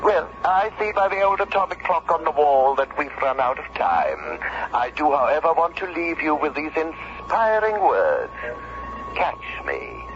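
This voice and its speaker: Suave, taunting Moriarty, wildly swooping delivery. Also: male voice, fairly high pitch, very animated, a bit bright, muffled recording, a little hiss or hum, full character voice. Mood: gloating, taunting. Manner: theatrical, drawn-out, mock-courteous. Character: suave, taunting male criminal mastermind professor. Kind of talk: radio drama acting. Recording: band-limited old radio recording over music.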